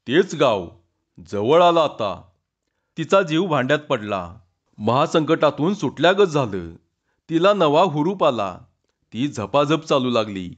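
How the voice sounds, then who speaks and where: A man reading a rural short story aloud in a slow, deliberate storytelling manner, with dull lo-fi sound. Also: medium pitch.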